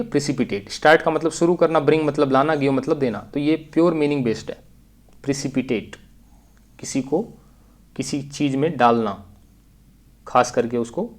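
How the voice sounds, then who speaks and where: A man teaching an exam-prep English grammar lesson, explaining step by step and repeating key phrases. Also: mid-range voice.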